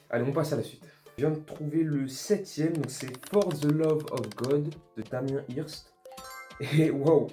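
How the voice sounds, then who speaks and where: A man's voice: medium pitch, warm tone. A man casually reacting to artworks, thinking aloud and sounding amused as he discovers each one. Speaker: art vlogger.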